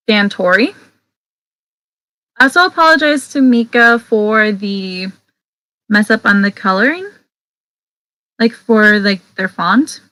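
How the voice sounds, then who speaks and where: A woman's voice: on the high side, fairly bright tone, dry recording, poor audio. A woman hosting an online convention opening over a video call, chatty and teasing as she introduces the staff. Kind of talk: casual online call chat.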